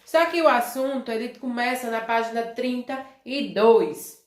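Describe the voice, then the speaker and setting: Slowly and simply, a Brazilian primary school teacher with a slightly high voice reviews lessons with young children in an echoey room. She calls herself "tia," drops "né?" and "certo?" constantly, and stretches syllables out when modelling words, speaking with a Brazilian Portuguese accent.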